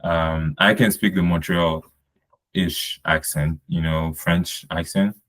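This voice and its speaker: A man's voice: low-pitched, fairly even intonation, slow, a bit bright. A man from Cameroon, a podcast guest, talking casually and rambling with many fillers and restarts. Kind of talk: casual conversation.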